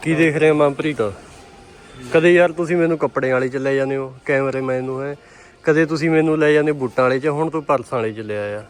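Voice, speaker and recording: A Punjabi man hosts a casual vlog in a fairly high male voice. He banters heartily with his mates and talks to viewers in a loose, everyday way. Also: fairly even intonation, quick pace. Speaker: vlogger and cameraman. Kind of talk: casual shopping vlog chat.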